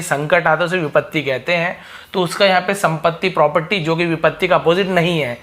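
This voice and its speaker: A male teacher with a slightly high, sharp and bright voice runs his own channel's English lesson. He explains patiently, repeats every word and asks his students questions along the way.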